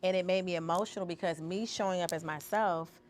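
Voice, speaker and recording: A woman's voice: on the low side, fairly even intonation, a little fast, a little hiss or hum. A woman artist talking as a podcast guest, telling stories expressively and acting out the voices she quotes. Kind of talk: interview conversation.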